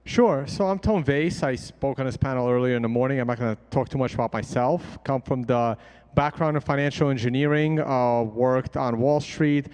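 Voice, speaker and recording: A man's voice: medium pitch, normal speed, a little mellow, clean tone. A man speaking as a crypto trader on a conference panel, blunt and opinionated. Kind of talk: panel discussion. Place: conference stage. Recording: reverberant conference hall.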